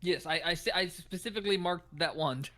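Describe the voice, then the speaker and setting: A man with a high, bright voice speaks in character at a tabletop game. He stammers through broken English, dropping small words as he argues back. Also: fairly quick. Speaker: player. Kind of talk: in-character tabletop role-play.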